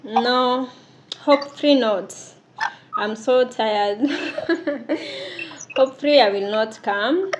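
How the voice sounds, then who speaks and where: A woman's voice: on the high side, slow, long pauses. A woman in her thirties, giving an interview as a domestic worker, earnest and given to laughing. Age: 30s. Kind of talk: casual interview. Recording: noisy background.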